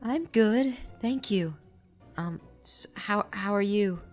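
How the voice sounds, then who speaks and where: A man's voice: sits high, slow, soft background music, voice pushed up. A man using a voice changer to play a shy, hesitant teenage girl who stammers with many ums and uhs. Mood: nervous. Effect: voice changer making a man sound like a girl. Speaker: online creator posing as a girl to catch a predator.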